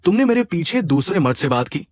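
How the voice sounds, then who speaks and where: An actor playing an arrogant, sneering rich young heir in a dubbed drama. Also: male voice, on the high side, sing-song, brisk, darkish tone, no echo.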